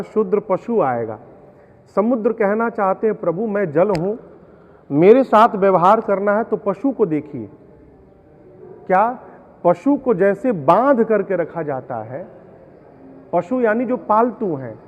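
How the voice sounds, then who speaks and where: A man giving a devotional discourse, explaining verses everyday examples and chanting lines slowly. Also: sits high. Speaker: religious storyteller. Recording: tinny, narrow-band audio in a long-reverb hall.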